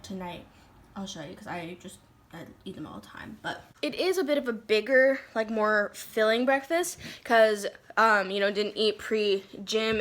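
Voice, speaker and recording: A young woman talking casually and informally to her vlog viewers, often softening things with filler words like "like" and "kind of". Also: mid-range voice. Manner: chatty, informal, hedging with "like" and "kind of". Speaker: fitness vlogger. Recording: roomy echo, faint background noise.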